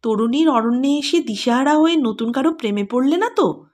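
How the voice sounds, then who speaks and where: A bossy elder sister teases and commands in a high, lively voice, as a woman narrator puts her on. Her tone rises and falls sharply as she talks. It is an audiobook story. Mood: teasing. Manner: teasing, brisk, commanding.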